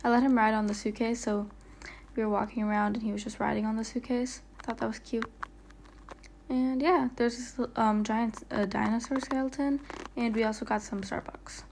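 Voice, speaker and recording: A woman's voice: a little high, steady tone, moderate pace, a little mellow, a little hiss or hum. A woman narrating a casual travel vlog voiceover, chatty and rambling with lots of fillers, stumbling over her words now and then. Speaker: vlogger. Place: voiceover, not recorded on location.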